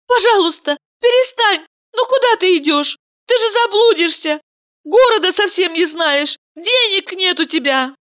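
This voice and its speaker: A woman voicing an emotional, excitable young woman who pleads in shrill, breathless cries. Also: unhurried, heavily acted. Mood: pleading.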